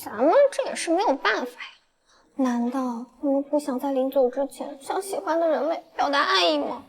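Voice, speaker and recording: A woman's voice: high-pitched, lively intonation, normal speed, gravelly. An actress playing a perky, bold young alien woman in a screen drama, chatty and coaxing with a romantic streak. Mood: bold, persuasive.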